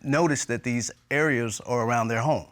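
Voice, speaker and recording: A man's voice: medium pitch, normal speed, a bit bright. A middle-aged man giving explanatory testimony as an expert witness.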